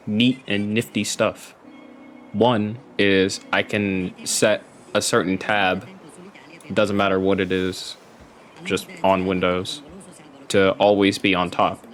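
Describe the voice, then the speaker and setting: A man casually chatting with his viewers while playing a game on a relaxed livestream. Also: sits low. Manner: relaxed, chatty, talks to chat. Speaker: game streamer.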